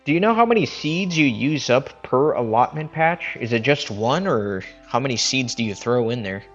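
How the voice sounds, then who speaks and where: A man's voice: mid-range voice, animated, normal speed, a bit bright, faint music behind. A man streaming a game, chatting casually and thinking aloud, his voice muffled as if talking into a cup through a cheap headset mic. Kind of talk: casual live commentary while playing.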